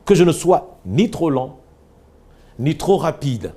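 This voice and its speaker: A man leading a voice training workshop, coaching students with animated corrections. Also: a little high, slow, breathy edge.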